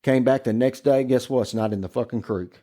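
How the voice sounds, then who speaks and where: A man's voice: medium pitch, brisk, mellow. A man telling a ghost story in casual chat, rambling and cursing, laughing as he goes. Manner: rambling, profane, laughing through his story.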